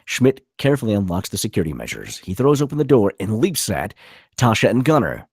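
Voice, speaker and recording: Brisk and animated in pitch, a man with a low, rough-edged voice narrates stage directions during a screenplay table read. The sound is dry and close, without any echo.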